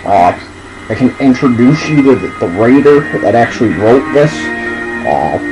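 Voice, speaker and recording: A drunk man rambling casually and haltingly as he presents and reads out a poem, drawing words out and losing his thread. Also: medium pitch, very animated, music in the background, rough recording.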